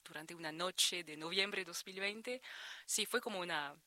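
A French woman in her thirties, a researcher being interviewed, speaks Spanish with a French accent in a conversational exchange. Her fairly low voice is pushed and bright at normal speed, with no room sound. She hesitates often, restarting and repeating words.

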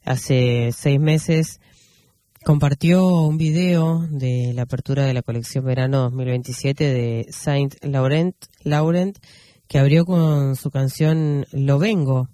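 A man, hosting and reading news commentary, unhurried and full of fillers and self-corrections. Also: medium pitch, warm tone, dry recording, studio quality. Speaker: radio host.

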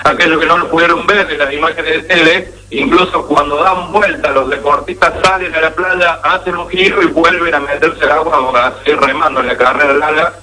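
Bright, higher-voiced Argentine radio journalist. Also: male voice, fairly even intonation, brisk, few pauses, a little hiss or hum, rough recording. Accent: Argentine Spanish. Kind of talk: radio commentary.

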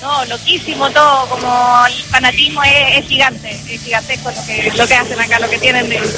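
A woman from Chile being interviewed outside a stadium, halting as she searches for words. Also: a little high, flat delivery, music in the background, rough recording. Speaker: interviewed fan.

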